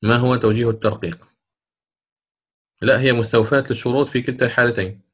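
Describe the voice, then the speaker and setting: A male teacher at a middle pitch walks students through recitation rules in a patient lesson. He stretches each recited example slowly and melodically, then goes back to plain explanation and checks his students' understanding. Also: fairly even intonation, a bit bright, breathy edge. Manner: asks check questions of students. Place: lesson recorded for an online institute.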